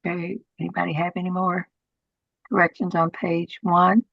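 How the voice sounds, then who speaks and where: A husky-voiced woman leads a formal meeting as chair, taking her time in a halting, procedural manner. Her voice is low and full of fry. The sound is dull and lo-fi, as on an online call. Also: flat delivery, dry recording. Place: video call.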